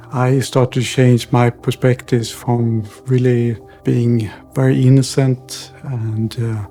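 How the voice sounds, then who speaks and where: A middle-aged man from Sweden with a Swedish accent, a podcast guest telling his life story in a halting way with many pauses and fillers. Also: medium pitch, mellow. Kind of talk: personal interview.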